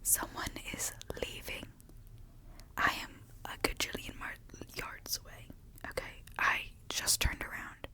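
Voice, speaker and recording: A young woman whispering a profane, ranting workplace gossip story as ASMR, growing heated, close to the mic. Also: unhurried. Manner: animated, gets heated. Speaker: ASMR creator. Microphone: close handheld recorder.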